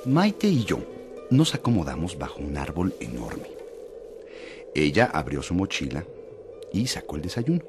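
A man playing an earnest, excitable hiker lost in the woods in a children's audio drama. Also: a bass voice, a little slow, long pauses, loud music behind the voice, exaggerated voice. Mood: storytelling.

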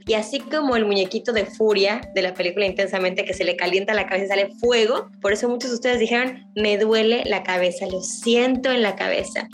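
Woman, Mexican Spanish accent, child psychologist, gentle, explaining to kids, slightly high voice, faint music behind. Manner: gentle, acts out everyday dialogue, asks the listeners questions. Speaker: psychologist guest speaking to children. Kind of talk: warm explanatory talk to kids.

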